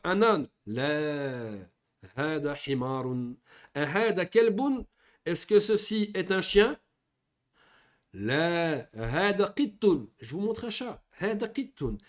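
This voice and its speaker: A man giving a beginners' lesson, reading Arabic words aloud and patiently explaining each one in French. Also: sits high. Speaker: Arabic teacher. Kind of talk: classroom lesson explaining grammar.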